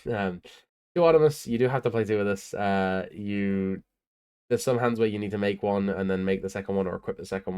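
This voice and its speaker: A man's voice: on the low side, a little mellow, clean tone. A tired young man casually talking through his tournament card deck in a laid-back, rambling way, with lots of ums and uhs. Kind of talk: casual deck profile talk.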